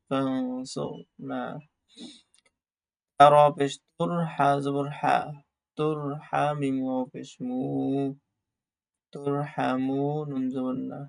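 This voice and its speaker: A man teaching Quran reading in an online class, slowly spelling out Arabic letters and vowel marks in Bengali with a Bangladeshi accent. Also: medium pitch, gravelly. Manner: slow, drawn-out recitation of letters and vowel marks.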